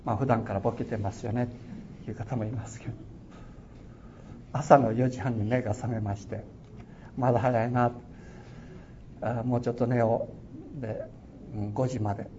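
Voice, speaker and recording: A man's voice: steady tone, moderate pace, long pauses, dark tone. A man preaching a sermon as a pastor, earnest and exhorting, his voice swelling on key words. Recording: dull lo-fi sound with faint rumble.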